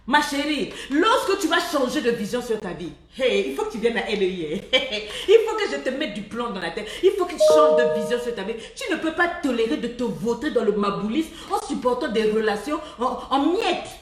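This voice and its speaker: A woman giving a lively, preachy love-coaching talk. She laughs often and mimics the people she talks about. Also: a little high, moderate pace, reverberant, far from the mic. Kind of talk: live-streamed motivational talk.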